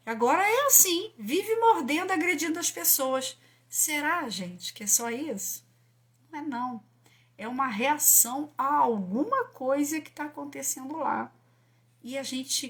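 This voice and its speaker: A woman with a Brazilian Portuguese accent explaining child-rearing to parents, animated and emphatic, asking rhetorical questions. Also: a little high. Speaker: parenting educator and author.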